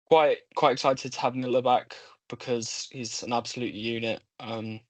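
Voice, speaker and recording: A man's voice: mid-range voice, steady tone, normal speed. A man chats casually as a fan guest on a podcast. His voice sounds dry, with no room echo.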